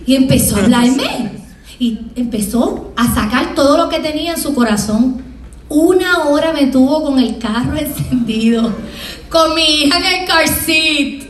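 Puerto Rican woman professor, lively motivational speaker, slightly distant mic. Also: high voice, unhurried. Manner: lively, acts out scenes in small voices. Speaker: university professor. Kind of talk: motivational talk to students. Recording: echoey room, from far off.

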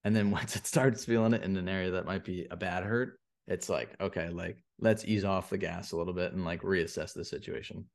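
A man's voice: low voice, brisk, creaky, hardly any pauses. A young man co-hosting a podcast in casual chat, laughing often and acting out his friends' voices. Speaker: podcast co-host.

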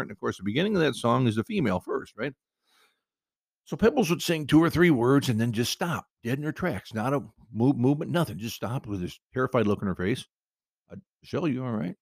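A man's voice: on the low side, vocal fry, darkish tone, no room sound, studio quality. A man hosting a podcast, telling a personal story in a rambling, conversational way with frequent restarts.

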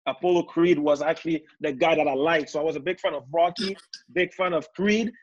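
A man in his thirties, not a native English speaker, reflects as a panelist in a casual video-call discussion, loose with fillers and repeats. His voice is a little high and brisk, and the video-call audio is dull and dry.

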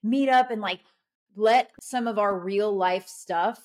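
A woman co-hosting a podcast in casual chat, rambling and animated, with many fillers. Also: mid-range voice, takes it slowly. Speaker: podcast co-host.

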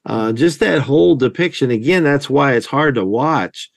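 A man's voice: medium pitch, moderate pace, creaky, dry recording. Man talking in a dry, close sound. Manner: animated storyteller, acts out quoted lines. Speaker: podcast host. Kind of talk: casual conversational discussion.

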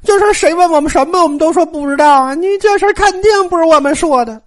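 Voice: extremely high pitch, fast talker, pitched above the performer's own voice. Storyteller putting on tearful frightened maids. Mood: pleading.

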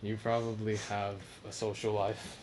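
A man's voice: on the low side, completely flat delivery, normal speed, darkish tone, slight background noise. A young man co-hosting a casual podcast from his bedroom, joking and laughing often. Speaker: podcast co-host. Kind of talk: casual chat.

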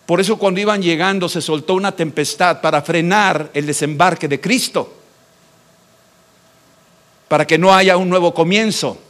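A male pastor delivers a sermon in a fairly high voice. He swings between loud, emphatic declarations and soft, hushed reassurances. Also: steady tone, normal speed, long pauses.

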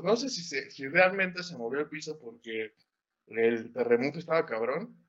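A man's voice: fairly high pitch, a bit bright. Slangy young Mexican man telling a story. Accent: Mexican Spanish. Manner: slangy storytelling, frequent swearing. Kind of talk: casual chat. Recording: dull lo-fi sound.

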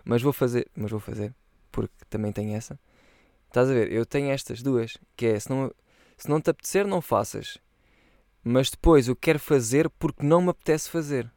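A man's voice: medium pitch, a little fast, a little mellow, no echo. Young man, clean dry voice. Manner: rambling, slangy, swears freely. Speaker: podcast host. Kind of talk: casual solo podcast chat.

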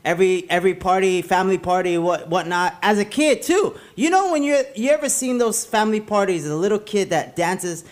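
A man with a notably high voice hosts a casual show. He rambles in a stop-and-start way, dropping party slang like a hype man. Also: a little fast, few pauses. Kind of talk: casual, slangy host chat.

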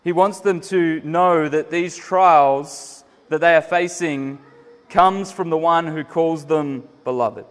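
A man's voice: on the high side, takes it slowly. Earnest preacher man in an echoey hall. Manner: earnest, emphatic, swells louder then drops soft. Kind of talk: sermon. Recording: echoey hall with long reverb.

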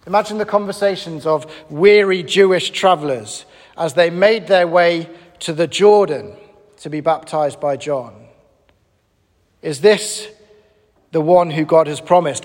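A man preaching a sermon in an animated, conversational and emphatic way. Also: high-pitched, long reverb tail.

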